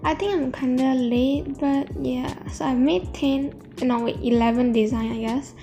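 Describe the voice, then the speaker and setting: A woman narrating a casual craft tutorial in a halting, self-correcting way, her speech slightly affected by new braces. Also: high-pitched, steady tone, mellow, faint music behind.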